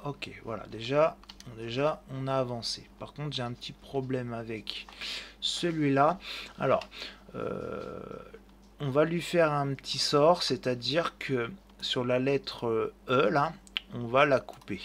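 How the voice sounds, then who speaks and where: Man narrating a software tutorial. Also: medium pitch, slow, gravelly, a little hiss or hum. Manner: thinking aloud, narrating each click with fillers. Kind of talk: screen-recorded software tutorial.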